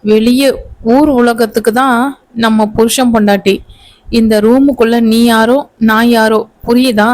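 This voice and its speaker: Woman voicing a young husband, storybook figure, bitter, curt, threatening, slow, flat. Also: fairly high pitch, natural voice. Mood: harsh, menacing. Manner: curt, scolding, menacing.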